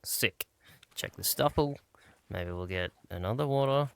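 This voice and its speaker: A man's voice: lowish voice, animated, measured pace, vocal fry, a bit bright, clear, resonant tone. A man giving laid-back, casual commentary as he plays a game and talks himself through it. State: out of breath at times. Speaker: gaming channel host.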